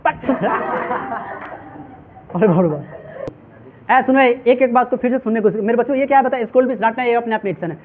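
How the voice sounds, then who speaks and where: A man's voice: very high voice, brisk, pauses often, crowd noise, background noise. A man teaching a grammar lesson, drilling his students with the same questions again and again. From Bihar, India. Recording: tinny phone-like sound.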